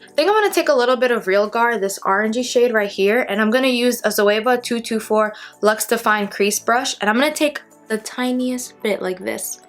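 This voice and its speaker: A woman's voice: a little high, fairly quick. A woman chatting casually to her viewers as she gives a makeup tutorial in the style of a beauty vlogger. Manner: chatty, addresses viewers directly. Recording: music playing behind the voice. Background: background music.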